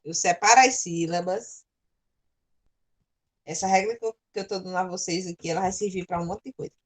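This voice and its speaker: A woman's voice: fairly low pitch, steady tone, fairly quick. A Brazilian woman teaching an online class, explaining spelling rules patiently and step by step into a computer mic. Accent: Brazilian Portuguese. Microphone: computer mic in a virtual class.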